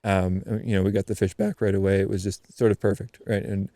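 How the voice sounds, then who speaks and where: Lively low-voiced man telling a story. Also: fast talker, no room sound, clean studio sound. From eastern Canada. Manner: animated storyteller, frequent ums and restarts. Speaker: podcast guest. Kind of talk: casual storytelling chat.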